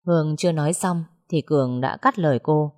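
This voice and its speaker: A woman narrating a dramatic family story in a steady, scripted way. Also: low voice, fairly quick.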